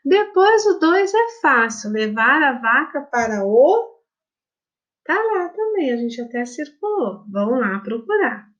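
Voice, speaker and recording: A woman with a Brazilian Portuguese accent teaching young pupils at a very slow, patient pace, stretching out words and spelling them letter by letter. Her voice sits somewhat high and sounds affectionate as she calls the children her loves. The audio is dull and lo-fi, like a home video recording. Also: a bit bright. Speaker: primary school teacher. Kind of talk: remote lesson for children.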